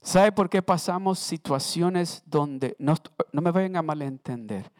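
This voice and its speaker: A man's voice: fairly high pitch, a little slow, a little mellow, no room sound, studio quality. A man preaching in church, talking to the congregation conversationally, asking them questions and mixing in English words. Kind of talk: Sunday sermon.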